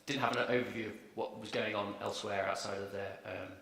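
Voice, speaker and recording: Male conference speaker, low and gravelly, halting answers, recorded in a roomy lecture hall. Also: steady tone, a bit bright. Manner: hesitant, many fillers and restarts. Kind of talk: Q&A answers after a talk.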